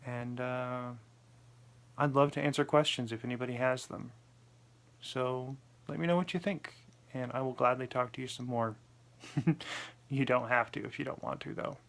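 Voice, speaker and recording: A man's voice: mid-range voice, steady tone, moderate pace, creaky, pauses often, fairly bright tone. A man with a lisp talking casually to the camera in a personal vlog, apologetic and self-deprecating. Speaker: vlogger.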